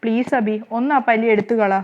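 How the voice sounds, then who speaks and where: A woman's voice: a little high, flat delivery, fairly quick, lightly acted. A woman voicing a timid, fussy young wife who talks in a whiny, fearful way. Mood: scared. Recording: slightly muffled lo-fi recording.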